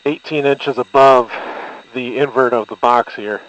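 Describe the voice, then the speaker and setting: A man's voice: medium pitch, steady tone, a bit bright, dull audio. Man talking from inside a diving helmet. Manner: procedural, halting delivery with clipped confirmations. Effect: diving helmet radio comms. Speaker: commercial diver inspecting a pipe. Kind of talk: terse inspection report over comms. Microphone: diving helmet microphone. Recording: noisy diving helmet radio link.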